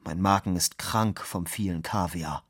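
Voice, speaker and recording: A man reading aloud who voices a timid, resigned jobless beggar, speaking quietly. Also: sits low, unhurried, no echo, clean studio sound, voice pushed down.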